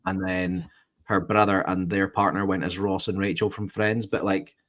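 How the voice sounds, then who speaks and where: Low-voiced man joking in banter. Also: level tone, normal speed, fairly bright tone. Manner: joking, self-mocking banter. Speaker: podcast co-host. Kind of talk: casual chat.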